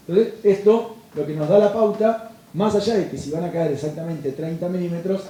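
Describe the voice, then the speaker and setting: A man's voice: a little high, dark tone. A man, a meteorologist giving a lecture, explaining patiently and checking in with listeners. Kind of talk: lecture to farmers. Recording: echoey hall, distant mic.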